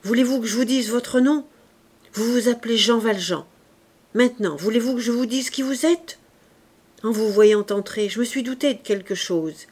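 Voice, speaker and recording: A woman reading the part of a wary male innkeeper who speaks in a measured, firm tone. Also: a little high, darkish tone, slightly rough.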